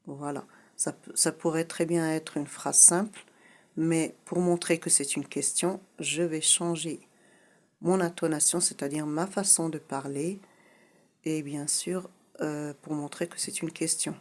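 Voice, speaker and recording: A woman teaching a French grammar lesson, explaining patiently and repeating her key points, often pausing on "voilà". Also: low-pitched, fairly even intonation, darkish tone.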